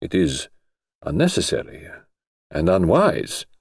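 A grave middle-aged count, measured and a little reluctant, as a man plays him. The voice sits low and moves slowly. Dry, close recording. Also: wildly swooping pitch, vocal fry, breathy edge, no room sound, heavily acted. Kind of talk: audiobook character voice.

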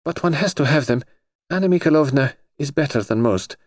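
A man's voice: a little high, animated, no echo, pitched above the performer's own voice. A cheerful young grand duchess, bubbly and used to giving orders, with a man putting her on. The voice sits well above a normal man's and swoops about. The recording is dry and close. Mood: confiding. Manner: bubbly, commanding, quick to stamp her foot. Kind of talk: audiobook character voice.

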